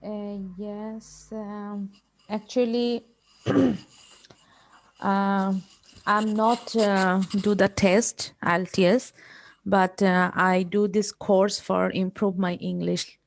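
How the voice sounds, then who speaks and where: A woman's voice: mid-range voice, little pitch movement, takes it slowly, a little hiss or hum. A woman from Bangladesh, a student answering her tutor hesitantly on a video call. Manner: hesitant, many fillers. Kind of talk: class conversation.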